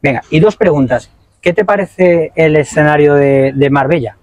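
A man's voice: on the high side, normal speed, a little mellow, no room sound. A man in his forties hosting a padel vlog, interviewing a player outdoors at a tournament with a handheld mic, upbeat and prompting. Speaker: vlogger and interviewer.

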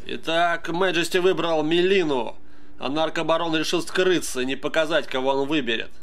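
Higher-voiced man commentating game fights. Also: moderate pace. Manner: excitable, informal, addresses viewers as friends. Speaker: host and tournament commentator. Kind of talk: live video game match commentary. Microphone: voice-over over game audio. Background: game music and fight sounds.

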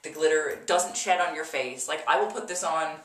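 In a small, echoey bathroom, a woman in her thirties hosts a makeup tutorial, speaking to camera in a low voice at a normal pace. Her style is casual and emphatic, and she repeats words to drive points home. The camera mic sits a little way off.

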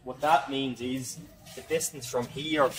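A man's voice: mid-range voice, fairly even intonation, a little slow, a bit bright, soft background music, rough recording. An older man with an explanatory manner, often repeating words as he starts a sentence, describing equipment during an interview in a large warehouse, recorded by a nearby 360 camera. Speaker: forklift dealer expert. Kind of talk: on-site demonstration interview.

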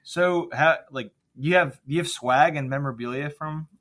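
This man co-hosting a podcast has a slightly high, fairly bright voice at a moderate pace. He chats enthusiastically and casually during the interview, tossing out slangy exclamations as he asks his questions.

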